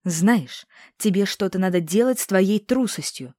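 Fierce, bossy witch, woman reader voicing her sharp and commanding, in a dry, warm-toned read. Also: on the low side, animated, moderate pace, dry recording. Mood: insistent.

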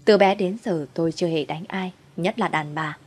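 A woman's voice: lowish voice, normal speed, a little mellow, slightly rough. Woman narrating a dramatic audio story. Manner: dramatic, voices the husband as narrator.

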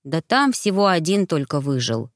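A woman voicing a sick, earnest young boy who sounds hoarse and talks slowly in a storybook reading. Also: sits low, sing-song, no room sound, clean studio sound. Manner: slow, reluctant, earnest.

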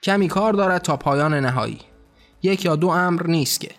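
An irreverent angel grumbles and mocks in a sarcastic tone, as a man voices him. The voice sits somewhat high, over quiet background music. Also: close to an everyday voice. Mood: mocking. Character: mocking irreverent male angel.

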